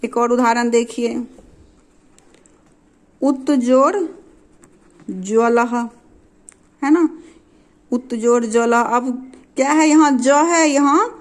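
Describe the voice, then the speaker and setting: A woman teaching a grammar lesson. She repeats each term and example, asks questions and answers them herself, and keeps checking that her students are following. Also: on the high side. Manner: repeats terms and examples slowly for learners.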